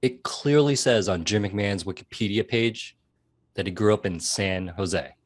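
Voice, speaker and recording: A man's voice: on the low side, normal speed. A man, the show's producer, cutting in to correct and scold the hosts pedantically. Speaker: show producer. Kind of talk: comedic correction segment.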